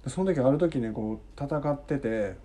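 A man's voice: medium pitch, animated, normal speed, dark tone. A man in his thirties with a Kansai accent, hosting his own podcast and telling a story from his school days in a rambling, chatty way. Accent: Kansai Japanese. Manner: rambling, chatty, repeats himself while recalling. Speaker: podcast host. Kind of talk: casual solo podcast storytelling.

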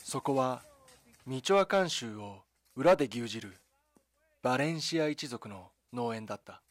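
This dramatic documentary narration is read from a script by a man whose mid-range voice stays animated yet measured and solemn. He works in short, deliberate phrases, with music underneath and an otherwise dry recording.

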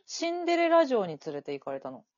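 A woman's voice: on the high side, very animated, brisk, crowd noise. A woman co-hosting a podcast in casual chat, teasing her friend and telling stories. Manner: teasing, storytelling. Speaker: podcast co-host. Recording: dry, dull lo-fi audio.

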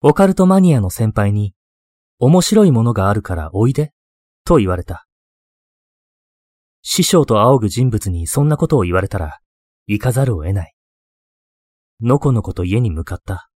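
A man's voice: on the low side, animated, moderate pace, pauses often, a little mellow, no room sound, studio quality. A man reading a scripted ghost story as a narrator, acting out the dialogue as he goes.

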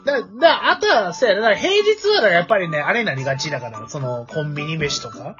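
Rambling Kansai man, lively pitch. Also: fast, lo-fi sound, faint music behind. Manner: rambling with many fillers and restarts. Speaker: guest, office worker in sales. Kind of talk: casual podcast chat.

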